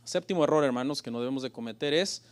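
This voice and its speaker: A man preaching a church sermon as pastor, often calling his listeners brothers and moving between loud emphatic peaks and quiet asides. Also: medium pitch, fast talker, clear, resonant tone. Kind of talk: Spanish-language church sermon.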